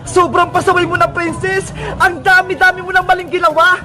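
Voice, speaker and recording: A cartoon voice performer playing a stern, fed-up mother who scolds loudly and fires off questions. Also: very high voice, little pitch movement. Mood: angry. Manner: loud scolding, rapid-fire questions. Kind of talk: animated cartoon dialogue. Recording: cartoon track with music and crowd noise. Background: music and crowd sounds.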